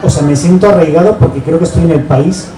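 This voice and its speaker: A man's voice: a little high, a crowd in the background. Reflective man from Spain, echoey hall. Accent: Spanish from Spain. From Barcelona, Spain. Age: 40s. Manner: reflective, halting, tags sentences with "¿no?". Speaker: author presenting his book. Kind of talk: book presentation talk. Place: book fair hall. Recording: echoey hall, distant mic, background noise.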